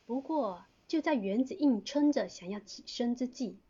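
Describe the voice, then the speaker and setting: A woman's voice: fairly high pitch, lively intonation, moderate pace, warm tone, breathy edge, dull audio. A woman student reading a story passage aloud as narration practice.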